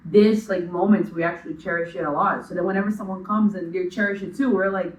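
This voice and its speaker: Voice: medium pitch, steady tone, fast. A young podcast co-host from Brazil, chatting reflectively at length with many fillers. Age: young adult. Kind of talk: casual chat. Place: room in a school building. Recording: echoey room, distant mic.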